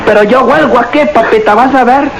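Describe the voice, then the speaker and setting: Un actor haciendo de fanfarrón centroamericano, agudo, amenazante, con ruido. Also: male voice, very high-pitched, fairly quick, creaky. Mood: foiled, vengeful. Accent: Central American Spanish. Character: rough, blustering working man, easily offended, threatening. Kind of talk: broad comedy sketch acting. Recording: noisy radio-like recording.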